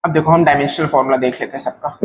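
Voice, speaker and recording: A man's voice: on the high side, fairly even intonation, rapid-fire, roomy sound, a little hiss or hum, poor audio. A man teaching a physics lecture, explaining step by step and often checking whether his students are following. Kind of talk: classroom lecture.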